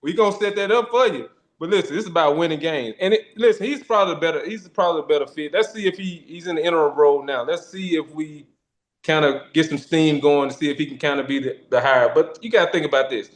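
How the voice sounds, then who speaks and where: A man's voice: fairly high pitch, quick pace, roomy sound. A man chatting casually about sports in a blunt, colloquial way.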